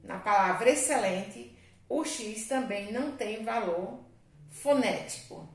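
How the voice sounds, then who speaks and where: Slow Brazilian woman teacher, echoey room. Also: on the high side, lively intonation, creaky. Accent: Brazilian Portuguese. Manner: slow, spelling words letter by letter, affectionate to pupils. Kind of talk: online spelling dictation lesson for children. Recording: echoey room, distant mic.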